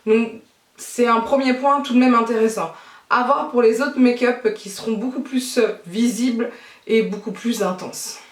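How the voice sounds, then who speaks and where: A woman's voice: on the high side, fairly even intonation, moderate pace, distant mic. A young adult woman chatting casually through a makeup tutorial as a beauty vlogger, thinking aloud with many fillers. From France. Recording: echoey room.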